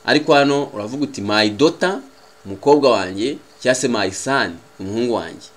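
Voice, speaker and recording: An English teacher whose first language is Kinyarwanda speaks with a Rwandan accent in a mid-range voice with lively intonation. During the lesson he repeats phrases, enunciating them in a careful, deliberate way.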